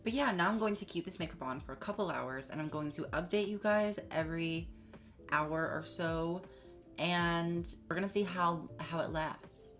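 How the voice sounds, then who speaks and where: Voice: mid-range voice, normal speed, a bit bright. A beauty vlogger in their twenties with a sassy, slangy drag queen manner, chatting casually to camera in a makeup review. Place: small indoor room set up for filming. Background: background music.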